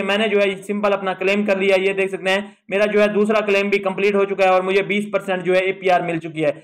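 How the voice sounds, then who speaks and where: A man hosting a tutorial video, talking through an app step by step in a voice-over and padding nearly every phrase with the same filler. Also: high voice. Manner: fills almost every phrase with a habitual filler; steady explaining tone, step by step. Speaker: YouTube tutorial host. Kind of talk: screen walkthrough voice-over.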